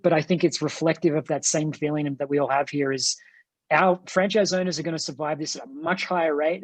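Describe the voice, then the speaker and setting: A man's voice: on the high side, no echo. Earnest man talking on a dry video call. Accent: non-American English. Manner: earnest, enthusiastic, repeats words as he restarts. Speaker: franchise company executive, guest. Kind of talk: conversational interview answers.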